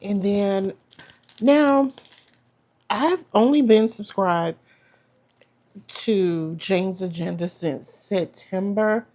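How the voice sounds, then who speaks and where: A woman's voice: lowish voice, darkish tone. A woman chatting casually as she unboxes a planner subscription box, trailing off and restarting, and saying "y'all". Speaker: planner vlogger.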